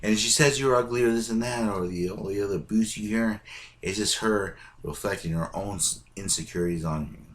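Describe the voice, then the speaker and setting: A man with a somewhat low voice delivers a profane, ranting monologue straight to his audience. He talks bluntly and swears constantly. He punches his points home with emphatic bursts. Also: a little fast. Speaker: vlogger.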